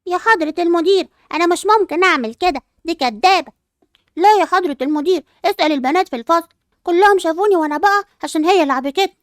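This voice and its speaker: A woman's voice: extremely high pitch, rapid-fire, no echo, clean studio sound. A woman with an Egyptian accent voicing a spoiled, jealous and vengeful schoolgirl who talks in a whiny, defiant way. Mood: spiteful. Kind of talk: amateur role-play dub.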